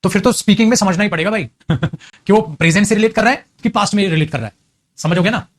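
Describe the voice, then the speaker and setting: An English teacher with an Indian accent, coaxing students and slowly repeating example sentences. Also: male voice, sits high. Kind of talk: classroom lesson.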